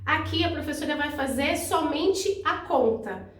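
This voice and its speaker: A young adult woman teacher with a Brazilian Portuguese accent, slowly and clearly explaining workbook answers to her pupils. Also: high voice, expressive. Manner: slow, clear, didactic, spelling out syllables. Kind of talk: reading and explaining a school workbook.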